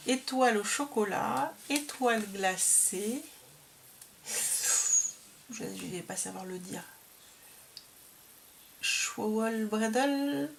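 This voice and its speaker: Slow-talking woman showing crafts. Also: medium pitch, vocal fry, slight background noise. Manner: slow, hesitant, filled with "euh". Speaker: craft vlogger showing a received album. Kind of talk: casual show-and-tell.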